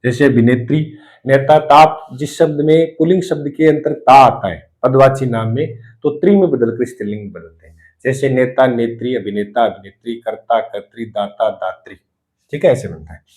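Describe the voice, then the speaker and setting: A male Hindi lecturer giving a spelling lesson, explaining patiently and repeating each word slowly. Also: mid-range voice, darkish tone. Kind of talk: classroom lesson on correct spelling.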